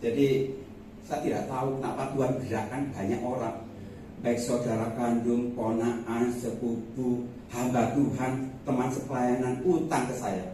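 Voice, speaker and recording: A man's voice: medium pitch, normal speed. A man with a lilt preaching a Sunday sermon, telling personal stories with humor and chuckles. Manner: humorous, animated storytelling with chuckles. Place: church sanctuary. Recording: echoey church hall, distant mic, faint noise.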